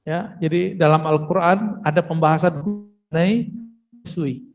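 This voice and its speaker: A man's voice: fairly high pitch, fairly even intonation, a little slow, big-room sound, highs cut off, soft background music. A man giving a religious study lecture, telling stories with casual, joking asides to his listeners. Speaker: preacher giving a mosque study session. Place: mosque hall.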